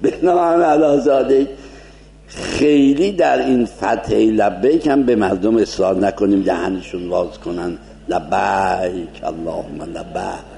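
A man teaching a seminary lecture as a cleric, explaining points and slowly demonstrating Arabic pronunciation. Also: lowish voice, animated, vocal fry, mellow, reverberant.

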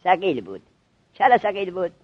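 A man teaching a classroom grammar lesson to seminary students, drilling them with quick questions. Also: high-pitched, big pitch swings, phone-quality sound.

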